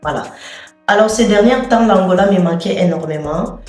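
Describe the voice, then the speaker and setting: A woman's voice: medium pitch, darkish tone, soft background music. Woman vlogger from Angola, chatty with many fillers; distant mic in an echoey room. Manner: unhurried, chatty, with frequent hesitant fillers. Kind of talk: casual unboxing chat to camera.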